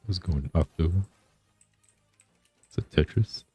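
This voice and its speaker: Male livestreamer, extremely low and mellow, slightly husky, rambling laid-back chat in a dry-sounding space. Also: slow pace, no echo, faint music behind. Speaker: live streamer.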